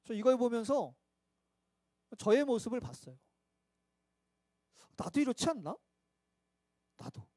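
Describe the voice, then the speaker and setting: A man's voice: very high voice, very animated, measured pace, long pauses, a little mellow, no echo. A man preaching a sermon as pastor at a midweek church service, conversational and self-mocking, asking his listeners rhetorical questions.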